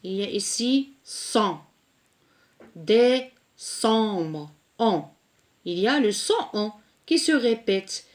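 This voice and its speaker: Very slow, patient woman teacher. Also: medium pitch, animated. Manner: slow and deliberate, splitting words into syllables; patient, repeats each word. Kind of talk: recorded reading lesson for children.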